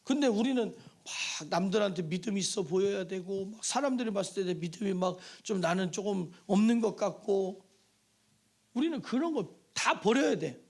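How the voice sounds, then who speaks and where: High, lively-voiced male pastor preaching. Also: normal speed. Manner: lively and conversational, with rhetorical questions and asides to the congregation. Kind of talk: sermon. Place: church sanctuary.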